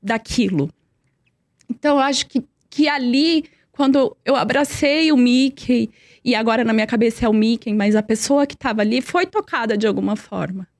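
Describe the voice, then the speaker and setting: A woman's voice: on the high side, normal speed, dry recording. A young woman telling a personal story in earnest, repeating words for emphasis. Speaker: guest.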